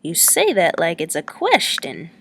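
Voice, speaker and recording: A woman's voice: fairly low pitch, expressive, measured pace, noisy background. A woman reading the lines of a chatty, teasing male lodging-house keeper who rambles in a folksy way.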